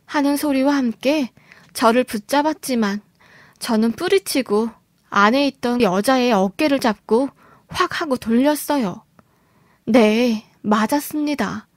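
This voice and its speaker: A woman's voice: fairly high pitch, unhurried, no room sound, clean studio sound. A woman narrating a first-person story for a story-radio show as a scripted, dramatic reading.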